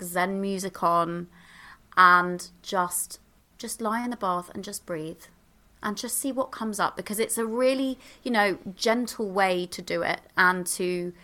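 A bubbly woman chats as a podcast guest, full of little exclamations and fillers as she hands out advice. Her voice is bright and forward, with a crisp edge, and she speaks into a handheld microphone. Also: mid-range voice. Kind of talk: casual advice in conversation.

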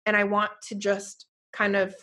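A woman hosts a heartfelt, casual podcast chat, earnest and effusive in tone. Her voice is bright and forward, with middling pitch. She keeps dropping "like" and the occasional swear word. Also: monotone, moderate pace. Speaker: podcast host and fitness business owner.

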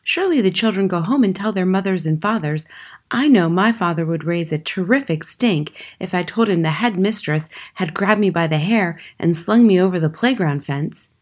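A woman voicing a curious, doubting young schoolgirl with an animated, questioning manner in a children's audiobook. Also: lowish voice, normal speed. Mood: indignant disbelief.

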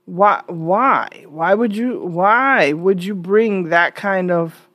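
Speaking slowly in a lowish voice, a New York woman with an American accent offers casual opinions online in an emphatic, questioning, conversational manner. The audio is dull but free of room sound.

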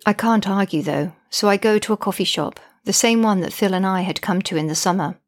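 A woman's voice: medium pitch, fairly quick. A woman narrating her own diary-style account as a mother, indignant, wry and exasperated.

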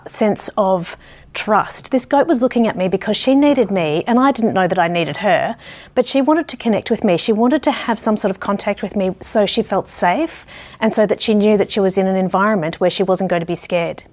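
Woman, Australian accent, medium pitch, educator, conversational storytelling, reflective, halting delivery. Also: expressive, darkish tone. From Ballarat, Australia. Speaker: dog grooming educator.

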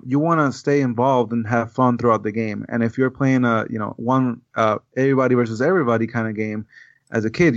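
Heard on dull, dry podcast audio with no echo, a Puerto Rican man who grew up speaking Spanish chats casually as a guest game designer. His voice is medium in pitch, and he comes across as earnest, repeating words as he thinks.

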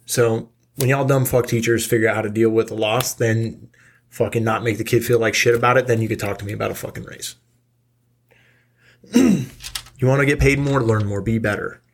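A middle-aged man with a gravelly, fry-heavy voice delivers a casual, profanity-laced rant on his own podcast. He sounds stoned and weary, but his anger keeps pushing through. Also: on the low side, fairly even intonation, moderate pace, a little hiss or hum. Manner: angry, profane, ranting. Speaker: podcast host. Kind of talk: casual ranting monologue.

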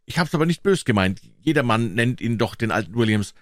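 A man's voice: expressive, a little fast, no room sound, studio quality, lightly acted. A man voicing a frightened boy who whispers nervously in a graveyard at night, in an audiobook reading. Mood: scared whisper. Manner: hushed, nervous, higher-pitched boyish voice. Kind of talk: audiobook character voice.

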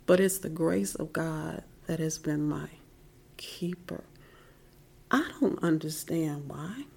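A middle-aged woman giving a heartfelt personal faith testimony in an interview, soft-spoken and at times dropping to a whisper. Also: deep voice, slow, vocal fry, slightly rough.

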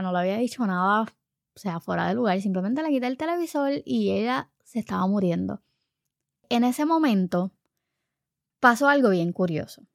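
A woman's voice: mid-range voice, no echo. A woman, telling a story from home to her viewers. She talks casually and acts out everyone she quotes. Her voice sits in the middle of her range and is recorded dry and close in a small setup. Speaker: mother telling a family story. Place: living room at home. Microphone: home recording set.

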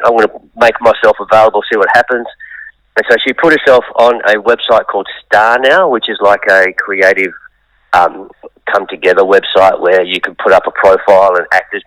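A man tells his story to an interviewer in an open, thoughtful way, with many ums. His voice is on the low side but bright and forceful. The sound is dry and close. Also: no echo, rough recording. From Australia. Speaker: guest musician and songwriter.

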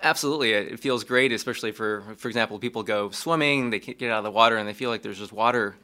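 A man explaining ear health as a doctor on a podcast, calm and measured, with small restarts. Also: fairly low pitch. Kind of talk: explaining medical facts.

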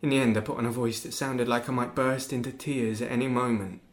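A young man playing a bitter teenage boy accused of killing his father, talking in a sullen, cold and detached way that flares into shouts. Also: mid-range voice, fairly even intonation, fast talker, natural voice. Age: young adult. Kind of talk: stage drama acting.

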